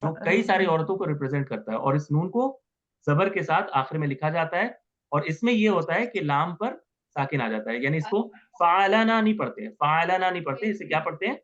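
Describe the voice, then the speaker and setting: A man's voice: fairly high pitch, expressive, fairly quick, a bit bright, lo-fi sound. A man teaching Arabic grammar in an online class, patiently repeating words and asking students questions.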